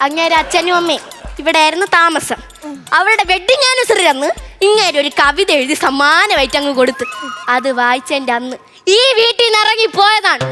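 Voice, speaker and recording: An actress playing a sharp-tongued housewife in a TV comedy sketch, scolding and bickering with a visitor. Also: female voice, extremely high pitch, exaggerated voice. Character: bickering middle-aged housewife, quick to scold. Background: background music.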